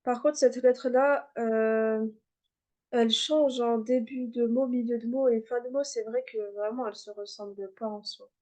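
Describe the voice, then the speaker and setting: A woman's voice: a little high, fairly even intonation, moderate pace, warm tone. A woman teaching a beginner class, patiently repeating and demonstrating letter sounds. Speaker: Arabic teacher.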